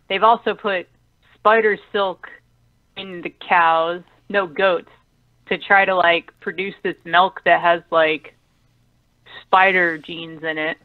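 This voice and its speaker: A woman's voice: on the low side, dry recording. A woman from Tennessee calling in to a radio show, chatting eagerly and rambling a little. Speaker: caller. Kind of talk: call-in radio chat. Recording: dry tinny phone line.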